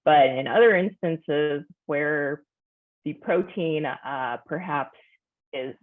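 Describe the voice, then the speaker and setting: A woman scientist giving a careful, measured technical presentation over a video call. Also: deep voice. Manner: careful, measured, with frequent pauses. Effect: heard over a video call. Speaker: scientist presenting a conference talk. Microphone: computer mic on a video call. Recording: tinny video-call audio.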